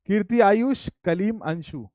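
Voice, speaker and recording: High-voiced teasing man teacher. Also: animated, measured pace, a little mellow, no room sound. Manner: playful, teasing, calls names repeatedly. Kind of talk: online class video calls with students.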